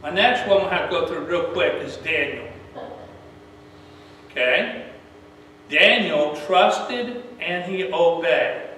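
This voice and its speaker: A man's voice: a little high, slow pace, pauses often, bright, forceful tone. A man preaching a sermon in a folksy, plain-spoken way, often asking rhetorical questions. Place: church sanctuary. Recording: very echoey church, mic far off, faint hum.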